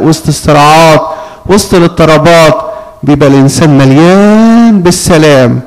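Egyptian preacher with a higher voice. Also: male voice, poor audio. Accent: Egyptian Arabic. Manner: call-and-response questions to the congregation. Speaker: priest. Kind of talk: sermon.

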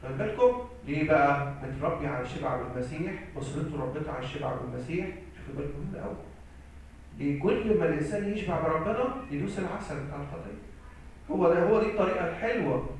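A man's voice: on the high side, expressive, fast talker, slight background noise. A man with an Egyptian accent preaching a sermon as a priest, emphatic, repeating key phrases and answering his own questions, recorded from a distance in an echoey hall. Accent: Egyptian Arabic.

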